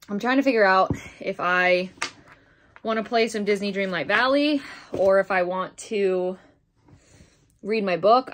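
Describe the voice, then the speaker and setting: This woman, a daily vlogger, talks informally to her video diary in a medium-pitched voice, wandering from point to point and fixing her words mid-thought. There's slight noise in the background.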